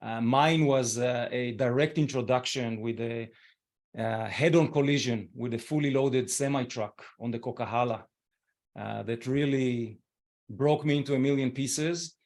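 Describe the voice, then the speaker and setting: An unhurried, medium-pitched Israeli man in his forties hosts an online webinar over a video call. He encourages his audience gently and leans on frequent fillers.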